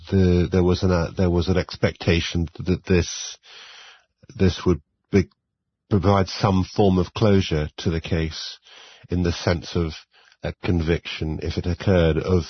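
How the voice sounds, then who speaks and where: A man's voice: low-pitched, husky, no room sound, muffled recording. A man, an investigative journalist on the line, speaking seriously with many repeated restarts.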